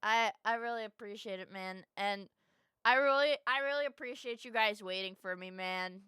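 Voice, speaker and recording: A woman's voice: mid-range voice, normal speed, bright, forceful tone, clean tone, no room sound, clean studio sound. A young woman livestreamer chatting casually with her viewers in a cute anime-streamer manner, gushing and swearing freely.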